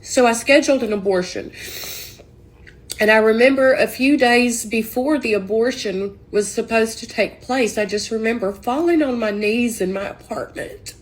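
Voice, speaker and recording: A woman's voice: on the high side, normal speed. A young woman earnestly sharing an emotional personal testimony, often saying "like". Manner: earnest, heartfelt, frequent "like" fillers.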